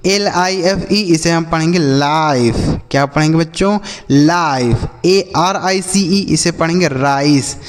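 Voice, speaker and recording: A man's voice: on the high side, long reverb tail. A man teaching English reading to children, spelling words out letter by letter and asking and answering his own questions. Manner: spells words letter by letter, asks "what will we read?" and answers himself; calls listeners "children". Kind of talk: classroom-style phonics lesson.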